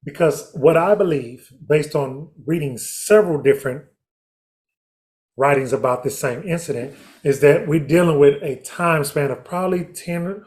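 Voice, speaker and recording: A man's voice: fairly high pitch, moderate pace, a little mellow. A man leading a casual Bible study discussion, reflective and interjecting with hallelujah.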